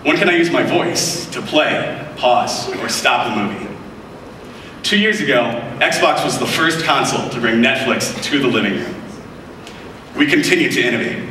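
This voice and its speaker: Bright and forceful, this young man's medium-pitched voice is animated at a normal speed as he delivers an upbeat, scripted product demonstration on a large keynote stage. He's an enthusiastic presenter, and the echoey hall audio comes from a distant mic with slight background noise.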